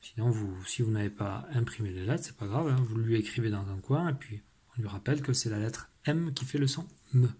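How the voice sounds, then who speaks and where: A man's voice: on the low side, fairly quick, dark tone, slight background noise. A male teacher explaining a reading and writing exercise to parents step by step, with frequent fillers and restarts. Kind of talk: recorded lesson for parents.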